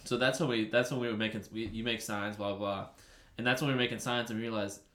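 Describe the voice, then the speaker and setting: A man in his twenties, a podcast co-host telling a rambling, animated story in casual chat. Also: fairly low pitch, fast. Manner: rambling, animated, shouts out quoted lines. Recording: roomy echo.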